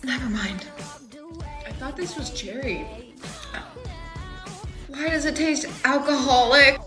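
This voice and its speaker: A woman's voice: high voice, slow, sharp tone, soft background music. A young woman acting out a comedic skit with over-the-top, dramatic reactions. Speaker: skit creator.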